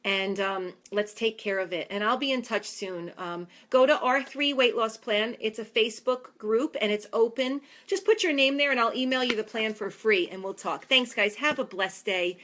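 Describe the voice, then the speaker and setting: Woman in her forties, New York accent, fitness trainer, chatty, earnest, fairly high voice. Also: moderate pace, hardly any pauses, a bit bright. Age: 40s. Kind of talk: casual vlog talk.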